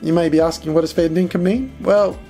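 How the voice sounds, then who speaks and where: A man's voice: on the high side, steady tone, brisk, mellow. Man reviewing snacks over music. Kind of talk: scripted-casual food review to camera. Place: small foam-treated studio indoors. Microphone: close desk microphone. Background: background music.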